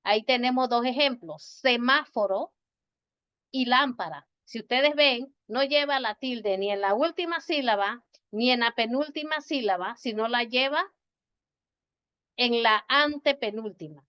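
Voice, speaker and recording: A woman teacher giving an online grammar lesson, speaking slowly and patiently and repeating words to stress their syllables. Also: fairly high pitch, expressive. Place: home or office on a video call. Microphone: video call. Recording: dull, lo-fi video call audio.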